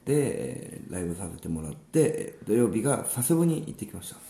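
A man co-hosting a casual podcast chat, telling about his gigs in a relaxed, rambling way with many fillers. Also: on the low side, fairly quick, creaky, roomy sound. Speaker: musician co-host.

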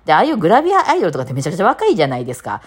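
Fast-talking Kansai woman, low voice. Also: breathy edge. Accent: Kansai Japanese. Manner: chatty storytelling, lively asides. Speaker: podcast host. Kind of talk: casual solo chat.

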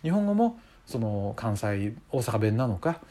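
Lively-pitched man musing aloud. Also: a little slow. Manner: musing, conversational, many fillers. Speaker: podcast host. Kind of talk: casual solo talk.

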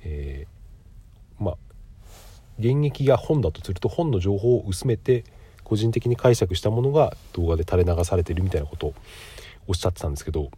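Low, nasal middle-aged man with a cold. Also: animated, brisk, pauses often, dark tone, husky. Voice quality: nasal, stuffy voice. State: congested with a cold. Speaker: podcast host. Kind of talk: casual solo monologue with frequent filler pauses.

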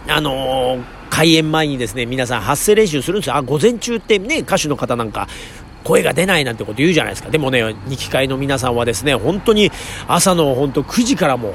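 A man chats politely and quickly, with plenty of fillers and a lively, rising and falling pitch. His voice is gravelly. He is recording outdoors near a train station, with faint street traffic behind him. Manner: chatty, polite, with many fillers. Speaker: podcast host. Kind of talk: casual solo talk.

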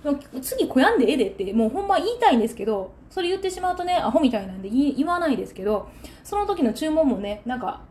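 A woman's voice: high-pitched, racing. A woman with a Kansai accent, a takoyaki shop owner, vents indignantly about a customer in a solo podcast monologue. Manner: indignant venting, animated.

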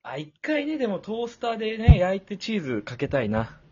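Laid-back husky young man chatting. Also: high voice, huge pitch swings, brisk, mellow, lo-fi sound. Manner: laid-back, rambling, acts out his own reactions. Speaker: podcast co-host. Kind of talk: casual chat.

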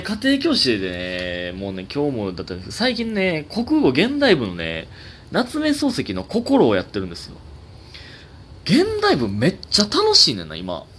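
With slight background noise behind him, a man in his twenties speaks at a fairly low pitch in Kansai Japanese. As host of a casual one-man talk show, he reads letters in a rambling, filler-laden manner, his energy swinging upward when excited.

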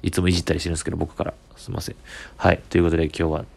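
A man's voice: deep voice, very fast, creaky. A young man with a Kansai accent, a comedian hosting his own solo talk show and telling a story from the stage, acting out the other people's lines as he goes. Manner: animated storytelling, acts out voices. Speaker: comedian podcast host.

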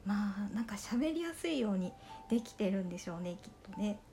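A woman from Okayama with a Kansai accent, hosting a casual solo podcast and chatting gently and politely to her listeners. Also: mid-range voice, animated, brisk, soft background music. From Okayama, Japan. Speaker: podcast host reading listener letters.

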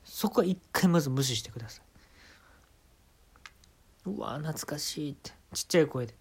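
A man's voice: mid-range voice, lively intonation, very fast, a little mellow, slightly rough. A man with a Kansai Japanese accent hosting a podcast, telling an absurd comic story and giving mock-serious instructions in a casual monologue. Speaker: podcast host.

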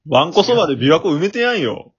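A husky-voiced man hosts a casual chat, teasing his guests in a playful, joking way. His pitch swings widely and sits a touch high. The recording sounds dull and lo-fi. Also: big pitch swings, fast. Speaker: podcast host.

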